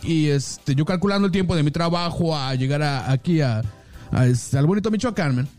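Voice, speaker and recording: A man's voice: fairly high pitch, lively intonation, brisk, a little mellow, soft background music. A man with a Mexican Spanish accent telling a story in casual, profane chat and acting out the dialogue.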